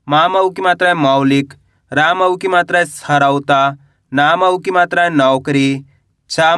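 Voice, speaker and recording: A man teaching children to read words in an online lesson. He spells slowly syllable by syllable, asks a question, and answers it himself on a low word. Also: a bit bright, clean tone, no echo, clean studio sound. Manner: slow, drawn-out syllable spelling. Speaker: Hindi reading teacher.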